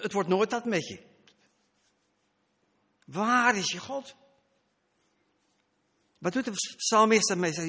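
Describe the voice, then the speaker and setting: Man, preacher, sermon, high voice, unhurried, emphatic. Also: fairly bright tone, in a large hall. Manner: emphatic, rising and falling for emphasis.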